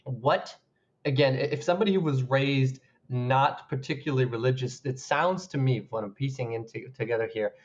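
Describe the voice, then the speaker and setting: Male interviewer, easygoing, short replies, mid-pitched, slightly muffled recording. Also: normal speed. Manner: easygoing, brief acknowledgements. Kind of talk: casual interview talk.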